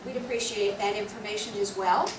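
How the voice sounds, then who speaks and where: A woman with a mid-range voice, fairly even intonation, and a slightly fast pace serves as a guild officer announcing upcoming classes at a club meeting. She is practical and explanatory, and the meeting-room audio is echoey, distant, and noisy.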